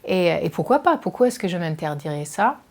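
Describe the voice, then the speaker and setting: Hesitant American woman with a low voice. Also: big pitch swings, a little fast. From California, USA. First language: English. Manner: hesitant, many fillers and restarts. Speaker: musician guest. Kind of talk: interview answers.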